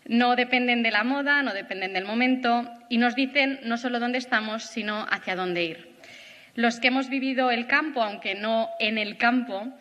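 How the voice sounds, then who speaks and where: A thirty-year-old woman speaks from a stage in a large auditorium, her talk earnest and reflective. Her voice sits high and bright. The hall adds a long reverb. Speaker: conference speaker. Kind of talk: prepared lecture.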